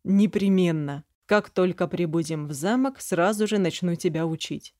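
Woman reader giving a pompous, commanding dragon general, mellow and close. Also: lowish voice, moderate pace, no echo, close to an everyday voice. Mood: firm.

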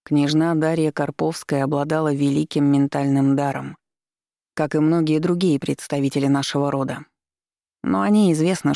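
An audiobook reader giving a steady first-person narration of a romance fantasy novel. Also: mid-range voice, vocal fry, dry recording, studio quality.

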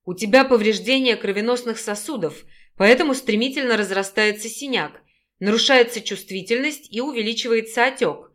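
A woman's voice: a little high, fairly quick, fairly bright tone, lightly acted. Woman reading as a harsh, scolding werewolf man. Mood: scornful. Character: gruff angry male werewolf rescuer. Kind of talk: audiobook reading.

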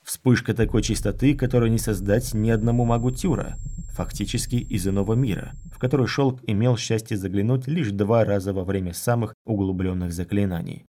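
A man narrates a fantasy audiobook with scripted, steady delivery. His voice sits a bit low, and he keeps the reading measured and even. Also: a little hiss or hum.

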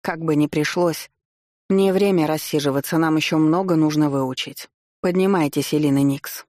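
A reader voicing a strict, proper governess who talks in a prim, instructive manner, in an audiobook. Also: female voice, low-pitched, fairly even intonation, normal speed, a little mellow, dry recording, studio quality, natural voice. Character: strict proper governess, middle-aged, stern.

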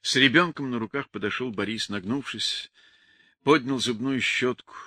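Man, audiobook narrator, expressive storytelling, bright tone, dry studio. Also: medium pitch, normal speed, no echo. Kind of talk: scripted narration.

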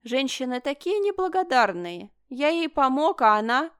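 A woman's voice: high voice, sing-song, normal speed, clean tone, no echo, studio quality, pitched above the performer's own voice. A woman reading aloud and voicing a mocking, smug nobleman who taunts his brother. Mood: taunting. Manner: taunting, sing-song mockery.

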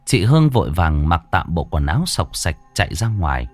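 Male horror narrator, deep and wildly animated, recorded dry with soft music underneath. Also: fairly quick, no echo. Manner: lively, expressive storytelling with big pitch swings. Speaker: storyteller. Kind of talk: ghost story narration.

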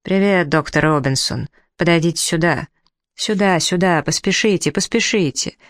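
A man voicing a hot-tempered elderly male professor who shouts and rants in fury, read from a storybook. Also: a little high, moderate pace, no echo, studio quality. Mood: furious. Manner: shouting, furious, exasperated.

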